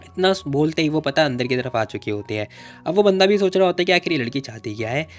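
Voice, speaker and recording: Fast-talking, chatty male storyteller. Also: a little high, lively intonation, soft background music. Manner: chatty, conversational, mixes in English words. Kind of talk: casual storytelling recap of a comic.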